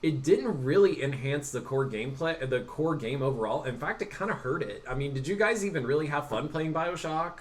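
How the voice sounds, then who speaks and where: A man's voice: on the high side, lively intonation, brisk, few pauses. A man co-hosting a casual gaming podcast, rambling through his opinions with a lot of "like" and "you know". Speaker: podcast co-host.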